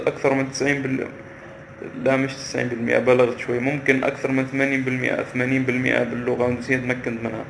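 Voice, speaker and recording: A man's voice: medium pitch, gravelly, a little hiss or hum. A man, talking casually to camera in a vlog and often stopping mid-phrase to search for a word. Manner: halting, often stops to search for words. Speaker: vlogger. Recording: roomy echo with faint ambience.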